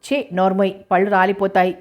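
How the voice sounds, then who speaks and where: A woman voicing a proud sharp-tongued young woman. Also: mid-range voice, completely flat delivery, a little fast, close to an everyday voice. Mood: bristling. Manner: direct, curt.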